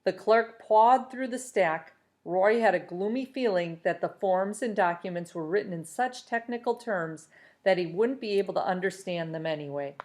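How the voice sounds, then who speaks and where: At a moderate pace and in a mid-range voice, a woman narrates a children's novel aloud, telling it in a lively, expressive style.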